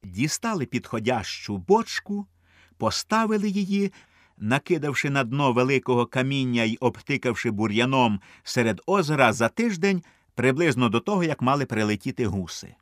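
Lively man reading a comic tale. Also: medium pitch, moderate pace, no echo, clean studio sound. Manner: lively, wry comic storytelling. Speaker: storyteller. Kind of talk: reading a humorous story aloud.

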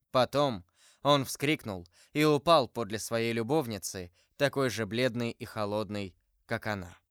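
A man narrating an audiobook with a measured, dramatic delivery. His voice is smooth and resonant, and the recording is dry and close with no room sound. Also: mid-range voice, a bit bright, dry recording.

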